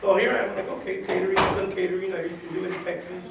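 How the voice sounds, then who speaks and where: A man in his forties with a fairly high, gravelly voice gives a casual, chatty talk to a high school class, speaking directly and often saying "you know". He is recorded from across a very echoey classroom with a faint hiss behind him. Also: little pitch movement, racing, distant mic. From California, USA. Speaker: guest speaker, chef and caterer.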